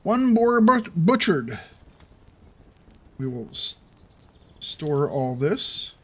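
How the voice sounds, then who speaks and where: Man, let's play commentary, playful taunting, slow delivery. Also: a little high, very animated. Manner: playful, taunts the game's animals. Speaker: gaming video host.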